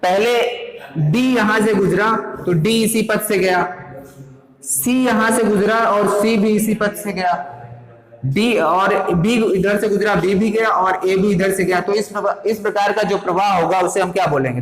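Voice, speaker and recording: High-voiced male teacher in an echoey room. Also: moderate pace. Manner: explains step by step, keeps checking "ठीक है". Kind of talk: classroom physics lesson. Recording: echoey room with long reverb.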